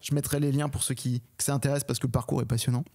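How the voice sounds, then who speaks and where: Male podcast interviewer, mid-range pitch, relaxed dark-toned delivery. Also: rapid-fire, vocal fry. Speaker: podcast host.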